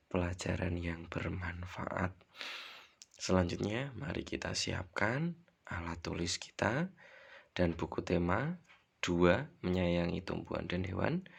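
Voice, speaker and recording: Low, gravelly-voiced male teacher. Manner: patient, repeats points, tags sentences with "ya"; demonstrates intonation with example sentences. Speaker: primary school teacher. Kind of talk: recorded classroom lesson for children.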